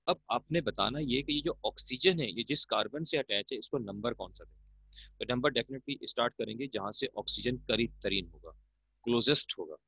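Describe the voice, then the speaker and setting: A man with a Pakistani Urdu accent lectures on chemistry, patiently addressing his students as "beta." His medium-pitched voice carries vocal fry and sounds bright, forceful and slightly rough, recorded dry and muffled in dull lo-fi quality.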